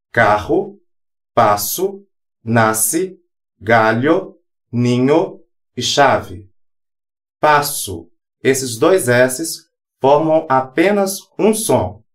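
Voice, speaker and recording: A man in a scripted grammar lesson, speaking at a slow, careful pace with a mid-range voice. He spells examples letter by letter and pauses between each word. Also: medium pitch. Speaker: teacher.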